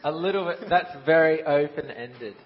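A man's voice: on the high side, moderate pace, breathy edge, muffled recording. A man in his twenties who grew up in Ukraine, a Bible college student who laughs at himself and restarts often while answering questions and then preaching on a church stage. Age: 20s. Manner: self-deprecating and laughing, with many restarts. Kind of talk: interview then sermon.

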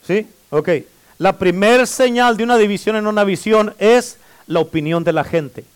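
A man's voice: high-pitched, normal speed, clean tone. A man preaching a sermon as pastor, calling for amens and teasing the congregation in a playful way. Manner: preaching with call-and-response amens. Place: church.

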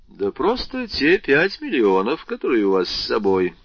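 A man reading as a cool deadpan bandit chief. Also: mid-range voice, breathy edge, no room sound, heavily acted. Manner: unhurried, deadpan. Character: calm, phlegmatic male bandit chief, coldly ironic. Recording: slightly muffled dry recording.

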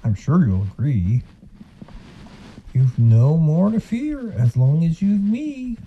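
Storybook fox, clever and smug, high and bouncy, slow delivery, read by a man. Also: big pitch swings, dark tone, lo-fi sound, a little hiss or hum. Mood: reassuring. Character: clever, boastful male fox.

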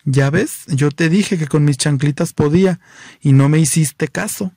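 A man's voice: on the high side, unhurried, darkish tone, no echo, clean studio sound. A man with a Mexican accent voicing a flamboyant, coquettish young man in plastic flip-flops, with a sighing singsong delivery. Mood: teasing.

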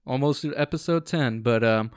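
A man hosts a laid-back podcast with friends at home, talking in an easygoing, rambling way full of ums. His voice sits in a middle pitch and sounds dry and close, with no room echo. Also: moderate pace, smooth. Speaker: podcast host. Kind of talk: casual podcast chat.

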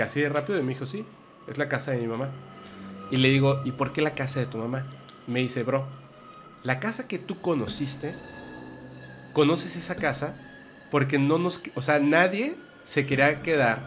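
A podcast host with a Mexican accent chats casually, animatedly retelling conversations with friends and quoting them. His voice is medium-pitched at a normal speed, with long pauses and faint music in the background.

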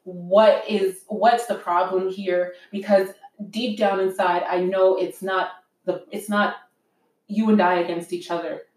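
A young woman talks casually with her partner and tells stories with plenty of flair, acting out little voices and laughing often. Her voice sits at a middle pitch. It comes through off mic, with a roomy echo around it. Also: unhurried, recorded from a distance. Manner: animated storyteller, acts out voices, laughs often. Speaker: co-host of a couples talk show. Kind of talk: casual chat.

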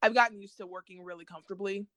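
A laid-back woman chatting casually as a podcast co-host, laughing easily between her thoughts. Her pitch sits in a middle range, and the recording is dry with no room sound. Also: fairly even intonation, rapid-fire, fairly bright tone, dry recording. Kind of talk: casual chat. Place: home.

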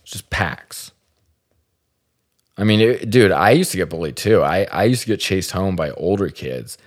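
A man's voice: deep voice, unhurried. A man from the Salt Lake area hosting a podcast, telling a funny story casually, swearing freely and laughing at himself. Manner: swears freely, animated and self-deprecating. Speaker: podcast host.

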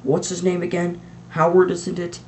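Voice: medium pitch, completely flat delivery, normal speed, darkish tone, a little hiss or hum, voice pushed up, close to an everyday voice, rough recording. Reader doing a nervous middle-aged husband, mumbling and hesitant, storybook voice. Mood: uneasy. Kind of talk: storybook character voice.

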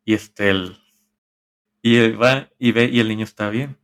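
A man with a Mexican accent, a podcast co-host telling a story in a rambling, halting way, full of slang and swearing. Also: fairly low pitch, fairly even intonation, fairly bright tone, clear, resonant tone. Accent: Mexican Spanish. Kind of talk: casual storytelling among friends.

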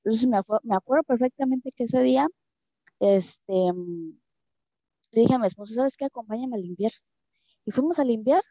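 Recounting her own story in an interview, a woman from Mexico with a Mexican Spanish accent speaks at normal speed with lively intonation, a mellow tone, and frequent pauses. Emotional, she repeats phrases to stress them. The audio is dull, dry, and low-fidelity, with no echo.

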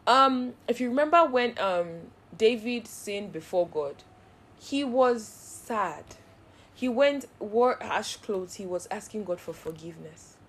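A woman hosting a devotional Bible teaching, speaking in an earnest, heartfelt way and building repeated phrases into steady cadences. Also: medium pitch, takes it slowly, slight background noise. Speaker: Bible study host.

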